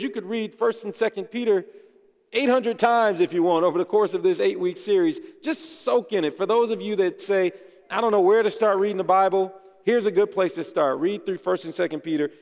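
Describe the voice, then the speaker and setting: A high-voiced man preaches in a casual, conversational way, teasing his congregation now and then. His voice rings out with a long reverb from the church hall. He sounds like a pastor at ease at the pulpit. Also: darkish tone. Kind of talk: sermon. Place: church sanctuary.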